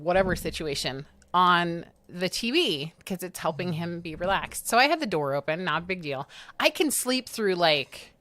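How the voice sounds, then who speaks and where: A woman co-hosting a livestream chats casually, telling stories in a bubbly way full of fillers. Her voice sits fairly low in pitch but sounds pushed and bright, with no echo.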